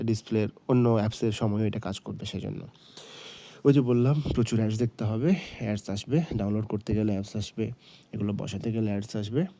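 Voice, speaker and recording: A man giving a casual, chatty phone tutorial, self-mocking and filling pauses with "ah". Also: fairly low pitch, gravelly, warm tone. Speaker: tech channel host. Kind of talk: casual screen-recording tutorial.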